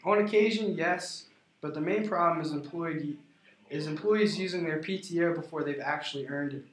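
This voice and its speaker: A man in a rehearsed business role play, answering as a prospective client in a measured, formal way. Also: a little high. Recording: echoey, roomy sound.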